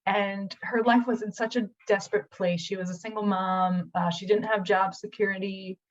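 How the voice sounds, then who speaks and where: A woman's voice: medium pitch, fairly even intonation, moderate pace. A woman acupuncturist and healer giving a chatty personal testimonial, telling a story animatedly with plenty of fillers. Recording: dull lo-fi recording.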